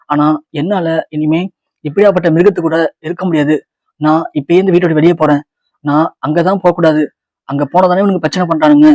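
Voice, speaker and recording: A man's voice: fairly high pitch, darkish tone, dry recording, highs cut off, close to an everyday voice. A man voicing an angry, humiliated young husband, bitter and accusing.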